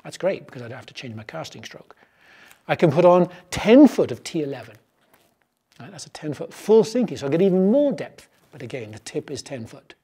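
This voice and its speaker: A middle-aged man, a fly fishing instructor, calmly explaining gear in an animated, easygoing teaching style in a studio. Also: fairly high pitch, fairly quick, slightly rough. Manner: animated, gestures a lot while explaining. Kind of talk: relaxed explanatory demonstration. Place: indoor studio set.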